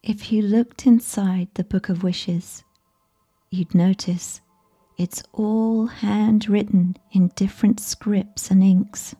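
A woman narrating a bedtime sleep story in a soft, soothing, whispery ASMR voice, breathy and right in the listener's ear. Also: medium pitch, fairly even intonation. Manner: slow, soothing, gentle.

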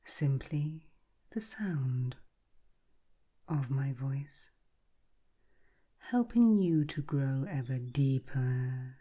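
Slow, soothing, breathy woman guiding hypnosis. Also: rumbling low, expressive. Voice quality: breathy, soft. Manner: slow, soothing, hushed and half-whispered, as if easing into a countdown. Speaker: hypnotherapy guide. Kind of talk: guided hypnosis relaxation, scripted narration.

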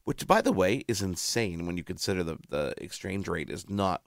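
A man's voice: deep voice, lively intonation, normal speed, gravelly, dry recording. A man hosting a radio show in casual chat, chatty and playful, often interrupting himself.

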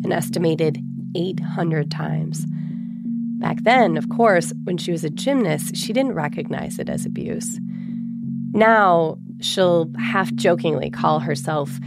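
Woman host doing scripted narration, kinda gravelly and low, soft guitar underneath. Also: very animated, measured pace. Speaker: podcast host.

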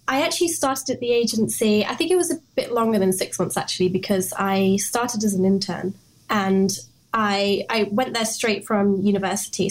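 A woman's voice: medium pitch, rough recording. A young British woman, a designer and guest on a podcast, talking casually and hedging with fillers. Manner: relaxed, hedging with "sort of" and "um". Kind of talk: casual interview.

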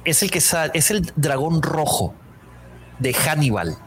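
A man's voice: on the high side, very animated, unhurried, fairly bright tone, a little hiss or hum. A man co-hosting a comics podcast, adding short comments and asides in casual chat.

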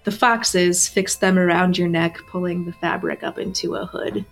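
A woman's voice: fairly low pitch, level tone, normal speed, faint music behind. A woman narrating as game master of a tabletop role-playing game.

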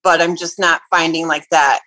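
A woman phoning in to a radio show, low-voiced. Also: level tone, sharp tone, low-quality recording. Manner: halting, searching for words with fillers. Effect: caller phoning in to a radio show. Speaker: personal trainer calling in with a question. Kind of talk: casual call-in chat.

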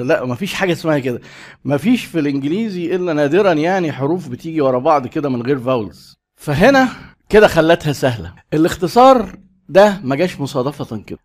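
Fast-talking Egyptian man lecturing. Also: medium pitch. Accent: Egyptian Arabic. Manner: chatty, asks the audience rhetorical questions. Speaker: branding lecturer. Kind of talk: lecture to a live class.

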